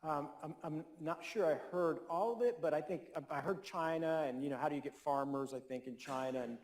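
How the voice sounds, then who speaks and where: A man's voice: fairly high pitch, brisk, a little mellow. A man speaking as a keynote speaker, answering audience questions in an earnest, persuasive way with emphatic stresses, in a conference hall.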